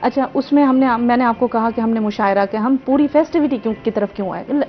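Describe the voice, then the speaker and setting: On a talk show, a woman librarian speaking with a Pakistani Urdu accent makes her case earnestly, her voice a little high and her pace quick. The recording has a somewhat dull broadcast quality with faint music.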